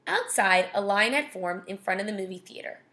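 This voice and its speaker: Bright-voiced woman reading a kids' novel aloud. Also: medium pitch, animated, brisk. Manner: chatty, breaks off to comment. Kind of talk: casual read-aloud with asides.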